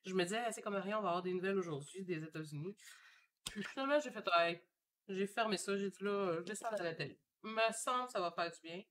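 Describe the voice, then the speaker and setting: A woman with a Québécois French accent talks to her viewers while she paints at home. She rambles gently and thinks aloud, with plenty of fillers, and her voice sits at an ordinary middle pitch. A faint hiss of background noise runs under the recording. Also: fast. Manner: chatty and relaxed, thinking aloud with many fillers. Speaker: painter hosting a live stream. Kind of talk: casual live-stream chat while painting. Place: home studio.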